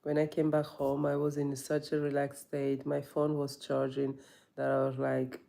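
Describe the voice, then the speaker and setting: Female yoga vlogger, warm dark tone, reflective and searching, casual live chat. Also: very deep voice, completely flat delivery, gravelly. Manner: thoughtful, halting, searching for words. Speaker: yoga teacher.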